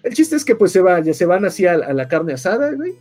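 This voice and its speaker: High-voiced Mexican man telling a slangy story. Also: big pitch swings, fast, a little mellow, faint music behind. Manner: slangy, swearing, conversational. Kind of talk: casual, animated story recap with acted-out dialogue.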